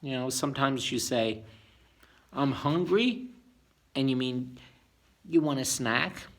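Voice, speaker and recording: A man tells a children's bedtime story expressively, adding chatty, teacherly asides and questions for the young listeners. His voice is medium-pitched, and he takes it slowly.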